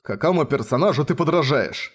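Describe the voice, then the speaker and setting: A man's voice: on the high side, animated, a little fast. A man reading a fed-up young man. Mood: exasperated. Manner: blunt, irritated, sarcastic. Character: exasperated overworked young man. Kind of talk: audiobook dialogue reading.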